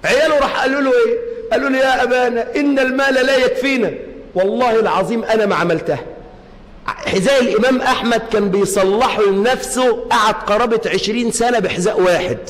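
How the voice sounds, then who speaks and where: A man preaching a sermon with an Egyptian accent, telling stories in a hushed voice and then shouting his exhortations. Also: sits high, fast. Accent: Egyptian Arabic. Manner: impassioned, swings between hushed storytelling and shouted exhortation. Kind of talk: sermon storytelling. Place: mosque. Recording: echoey hall reverb.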